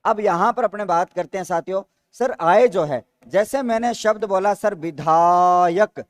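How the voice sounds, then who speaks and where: His high voice is clear with a resonant tone as he runs a live online grammar class in a Rajasthani Hindi accent. He reads out student comments, echoes each question before answering it himself, and keeps calling viewers "sir."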